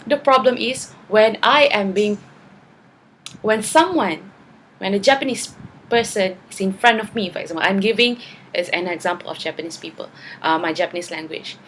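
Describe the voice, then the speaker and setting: Talking to camera in a chatty response video, this woman sounds tired and speaks English as a non-native speaker, frequently tagging her points with "right?" and "okay." She is a vlogger with a mid-range voice at a moderate pace, over a slight hiss or hum.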